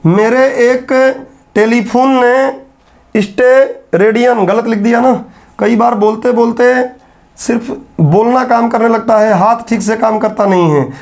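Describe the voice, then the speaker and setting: A man teaching an online exam-prep lecture, explaining step by step and repeating key terms as he writes. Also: very high-pitched.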